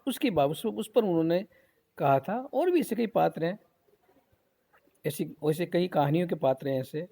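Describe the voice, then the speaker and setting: Gravelly male professor explaining poetry. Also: on the high side, lively intonation, normal speed, mellow. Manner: recites verse lines, then paraphrases them plainly; repetitive, explanatory, asks rhetorical questions. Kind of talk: lecture explaining a poem.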